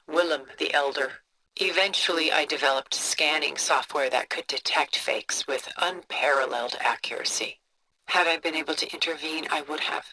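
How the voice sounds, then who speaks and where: An actress playing a cultured, composed older woman who collects art, with a refined, measured, contemplative delivery for a video game. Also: low voice, slight background noise, rough recording. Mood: calm, reassuring. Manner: refined, measured, contemplative, soft breathy phrase endings. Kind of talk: video game character dialogue, museum-guide storytelling.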